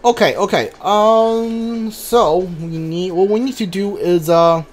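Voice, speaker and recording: A man with a high voice talks slowly through a casual video game playthrough, reading on-screen text aloud and mumbling to himself as he thinks. Video game music plays behind him.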